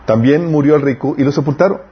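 A husky-voiced man leads a casual Bible class, talking conversationally and often asking the group to confirm what he says. The recording is muffled and lo-fi. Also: a little high, fast. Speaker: Bible teacher.

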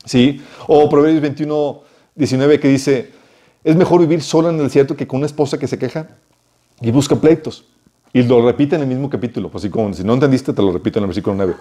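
Male Bible teacher, warm mellow tone, chatty and animated, leans on rhetorical questions. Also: mid-range voice, fast talker. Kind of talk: conversational Bible study teaching.

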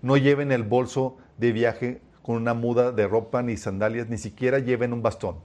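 A man's voice: mid-range voice, normal speed. A young man preaching a sermon, telling stories and calling his listeners "chicos". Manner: addresses listeners as "chicos", lively storytelling.

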